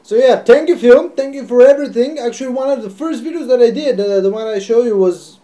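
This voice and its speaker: A young man from Bulgaria talking reflectively to his webcam in a small room, animated and repeating phrases for emphasis. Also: extremely high pitch, fairly quick. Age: young adult. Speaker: video creator. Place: small bright room indoors. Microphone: webcam at close range, filmed from below.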